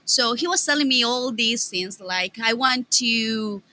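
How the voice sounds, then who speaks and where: A woman from Costa Rica with a Costa Rican accent, a guest telling her story in a casual chat, often pausing to search for words. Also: fairly high pitch, sharp tone. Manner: searching for words, many "like" and "you know". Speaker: guest, coffee company founder.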